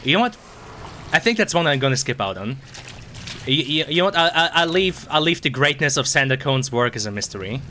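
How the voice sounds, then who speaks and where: A young man giving casual, rambling commentary over a video game, sarcastic and quick to swear, often stumbling over his words. His voice sounds bright and forward, with a faint hiss of noise behind it. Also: medium pitch, lively intonation. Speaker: streamer.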